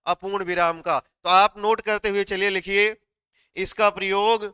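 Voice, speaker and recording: A man teaching a live online class, who explains step by step, puts questions to his students and dictates notes slowly word by word. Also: sits high, fairly even intonation, sharp tone, smooth, no room sound, studio quality.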